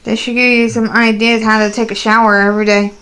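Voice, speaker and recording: A woman's voice: fairly high pitch, little pitch movement, fast, fairly bright tone. A woman in casual banter, blunt and mocking as she teases someone from behind the camera. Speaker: camera operator. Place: small bathroom, behind the handheld camera.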